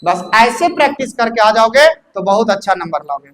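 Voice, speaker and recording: A man's voice: sits high, expressive, moderate pace, a bit bright, low-quality recording. A male physics teacher, working through exam questions and encouraging his students, often calling them "babu".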